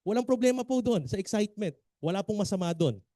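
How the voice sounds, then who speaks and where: A business trainer with a Filipino accent delivers an animated, emphatic seminar lecture, frequently checking in with and quizzing his audience. His voice is high-pitched and brisk, with no echo.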